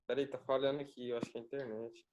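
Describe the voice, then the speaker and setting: A man's voice: mid-range voice, little pitch movement, racing. A male student on an online call whose audio keeps breaking up, answering hesitantly as he works it out aloud. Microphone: video call. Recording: muffled noisy online call.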